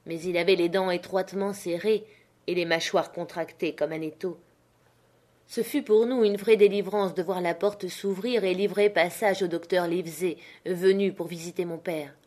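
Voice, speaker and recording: Woman reading a classic novel aloud. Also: fairly low pitch. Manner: steady, measured storytelling. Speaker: audiobook reader. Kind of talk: scripted narration of a classic novel.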